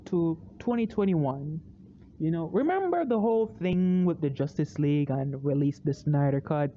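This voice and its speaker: Excitable movie ranter, slightly dull recording. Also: medium pitch, moderate pace, a little hiss or hum. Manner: animated, swings into loud excited outbursts; repeats and restarts words when worked up. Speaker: movie review vlogger. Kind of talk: casual opinionated rant.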